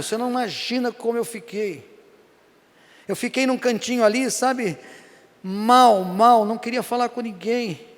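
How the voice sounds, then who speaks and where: A Brazilian pastor with a fairly high voice preaching to his congregation. He tells stories animatedly and keeps checking in with them. The long reverb of the church hall hangs on every phrase. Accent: Brazilian Portuguese. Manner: animated storytelling, frequent "amém?" to the congregation. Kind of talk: sermon. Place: church service.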